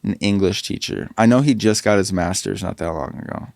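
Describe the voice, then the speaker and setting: A man's voice: lowish voice, fairly quick, gravelly, dry recording. A young man, a podcast guest and rapper, talking casually with many fillers and restarts into a studio mic. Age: young adult. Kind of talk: casual interview chat.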